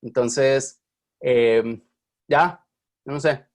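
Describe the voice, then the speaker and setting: A man with a mid-range voice talks extremely slowly while teaching an online university class in Spanish linguistics. His lecture is casual and chatty, and he often checks in with students by asking questions.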